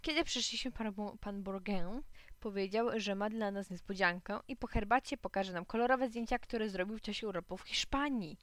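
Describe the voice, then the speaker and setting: A woman narrating a children's storybook with a lively, playful touch. Her voice is smooth and clear at a middle pitch. The recording is close and dry. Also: moderate pace, dry recording. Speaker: audiobook narrator.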